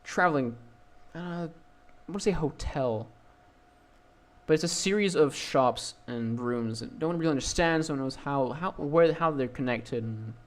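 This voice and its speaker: A man's voice: fairly high pitch, moderate pace. A young man running a tabletop game as dungeon master, narrating with many fillers and restarts.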